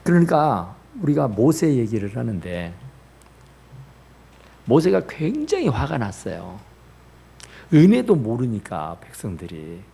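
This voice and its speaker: Gravelly animated Korean pastor preaching. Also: male voice, mid-range voice, a little slow, long pauses. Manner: animated preaching, rising and dropping to near whispers. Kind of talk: sermon. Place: church sanctuary.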